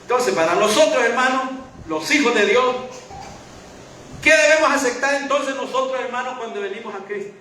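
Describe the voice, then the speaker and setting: High, bright-voiced preacher in echoey church. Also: male voice, animated, moderate pace, recorded from a distance. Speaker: pastor. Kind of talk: sermon. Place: church hall. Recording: echoey church hall from afar, faint hiss.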